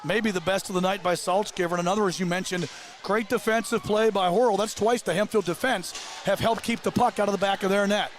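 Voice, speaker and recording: High-pitched man calling rapid hockey play-by-play. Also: a little hiss or hum. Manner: excitable on big plays. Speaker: play-by-play commentator. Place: live at an ice rink.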